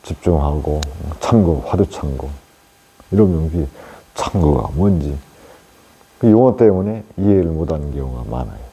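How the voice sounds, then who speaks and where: A male Buddhist monk giving a plain, unhurried dharma talk on meditation to lay listeners, with many fillers and tag questions. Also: a bass voice, expressive, dark tone, slight background noise, low-quality recording.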